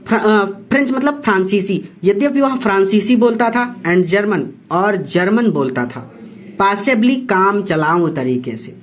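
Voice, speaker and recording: A teacher explaining a story line by line, reading English slowly and then translating each phrase with repeated explanations. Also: medium pitch. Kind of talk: class lesson explanation.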